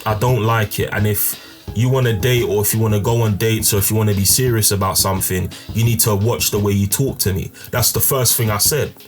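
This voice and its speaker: Young man, casual storytelling, slangy, fairly low voice, faint music behind. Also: steady tone, a little fast. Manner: casual slangy retelling with fillers. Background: faint background music.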